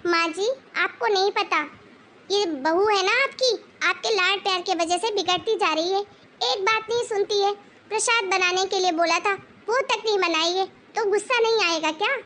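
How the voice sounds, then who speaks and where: A woman voicing a bossy middle-aged mother-in-law who nags and complains sharply in an animated moral story. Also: normal speed. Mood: complaining. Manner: shrill, complaining and sharp-tongued.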